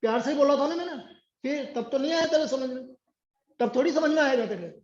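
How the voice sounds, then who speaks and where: A man's voice: extremely high pitch, fast. A man teaching a math class, scolding and sarcastic as he presses a student for answers. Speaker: math tutor. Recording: echoey room, dull sound.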